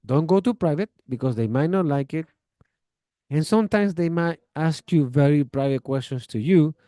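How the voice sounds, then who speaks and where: This English teacher, a Spanish speaker from Chile, delivers a casual lesson like friendly advice, relaxed and talkative, with acted-out example dialogues. His mellow, warm voice sits fairly high and moves at normal speed. It's recorded up close and dry, with no room sound and no echo.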